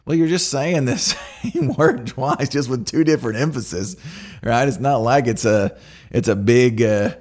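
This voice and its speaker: A man's voice: mid-range voice, expressive, measured pace, a little mellow. A middle-aged man hosting a podcast alone, talking casually in a rambling way with lots of fillers and restarts. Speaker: podcast host. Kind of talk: casual solo podcast monologue.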